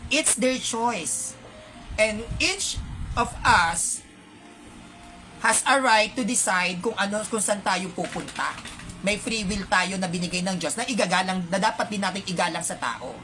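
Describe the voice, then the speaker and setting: A woman's voice: medium pitch, measured pace, sharp tone, slight background noise. A woman with a Filipino accent, delivering an indignant, heated monologue to her viewers with rhetorical asides.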